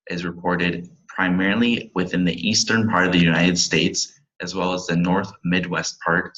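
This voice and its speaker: A man's voice: deep voice, fairly bright tone, dull audio. A young man in his twenties, a pharmacy student, giving a recorded slide presentation and reading from his slides with small slips and restarts.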